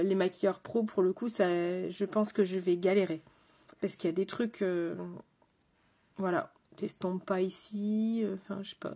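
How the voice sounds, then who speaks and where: A woman's voice: medium pitch, darkish tone. French lady doing her makeup live, chatting to the chat as she goes. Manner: chatty, talks straight to viewers and chat. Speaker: makeup artist.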